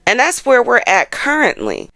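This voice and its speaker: An American woman hosting an astrology channel talks casually and directly to her followers, sassy and full of rhetorical questions and tags like "okay?". Her fairly high voice swings hugely in pitch at a moderate pace, with vocal fry and a sharp tone. The recording is dry.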